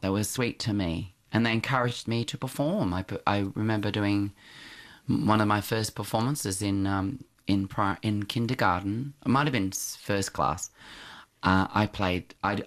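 Thinking back on his school days, a middle-aged interviewee spins his recollections as stories, often restarting himself and letting out soft laughs. His voice is fairly low.

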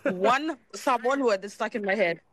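A woman's voice: on the high side, moderate pace, no echo. A woman from Fiji co-hosting in a casual, conversational style. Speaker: co-host. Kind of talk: casual chat.

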